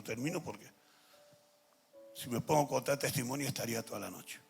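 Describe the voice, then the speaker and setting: An older man preaching a testimony sermon in Argentine Spanish, telling stories that swing from hushed to shouting. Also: a little high, gravelly, slightly rough. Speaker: pastor. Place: large church with music behind.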